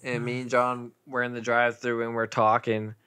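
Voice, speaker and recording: Smooth-voiced young man, casual podcast chat. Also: medium pitch, little pitch movement, normal speed, bright, forceful tone. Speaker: podcast co-host.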